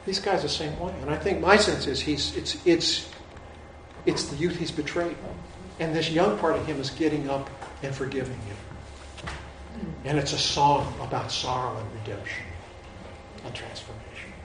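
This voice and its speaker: A man's voice: a little high, moderate pace, fairly bright tone, recorded from a distance, a little hiss or hum. Man lecturing in a very echoey hall. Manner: digressive, musing, with restarts. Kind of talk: rambling lecture.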